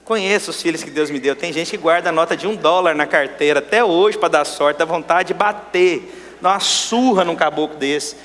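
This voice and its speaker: A male pastor preaching a sermon, swinging between loud exclamations and hushed asides. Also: a little high, moderate pace. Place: church sanctuary. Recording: long church-hall reverb.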